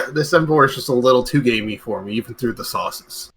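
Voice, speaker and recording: A man's voice: medium pitch, fairly quick, a bit bright, a little hiss or hum. A man playing a tabletop game, talking in a dry, wry way and sometimes speaking in character. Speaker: player. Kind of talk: casual tabletop game chat, partly in character.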